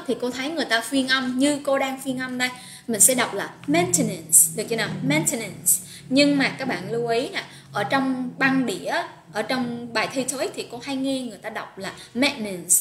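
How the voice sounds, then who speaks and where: Upbeat woman teaching English. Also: fairly high pitch. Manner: upbeat, praising students by name, drilling pronunciation. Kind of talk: live online vocabulary lesson. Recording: echoey room with faint noise.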